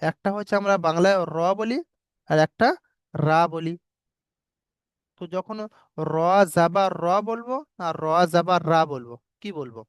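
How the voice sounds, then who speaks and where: Slow, patient man spelling out syllables. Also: a little high, animated, clear, resonant tone, no echo, clean studio sound. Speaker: Quran recitation teacher. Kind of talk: online tajweed lesson.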